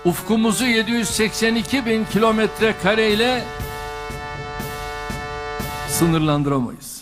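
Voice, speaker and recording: A man orating in a high, emphatic voice, stretching his words slowly and declaiming to a crowd. Brass and orchestral music swells loudly behind his archive recording. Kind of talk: political speech.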